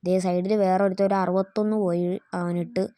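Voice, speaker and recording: A woman's voice: on the low side, flat delivery, fairly quick, dark tone, no echo, clean studio sound. A woman hosting a gaming channel, giving casual gameplay commentary and chatting to viewers as she plays. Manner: chatty, keeps addressing viewers as guys.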